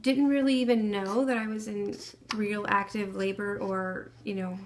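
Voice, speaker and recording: Young woman, soft-spoken, casual storytelling, faint background noise, frequent fillers and pauses. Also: medium pitch, fairly even intonation. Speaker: mother telling her birth story.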